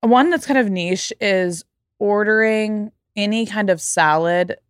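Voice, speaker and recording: Here a young podcast host talks in a relaxed, emphatic way, saying "like" a lot between casual chat and an ad read. She speaks a little slowly in a mid-range, clean-toned voice, recorded cleanly in a studio with no echo.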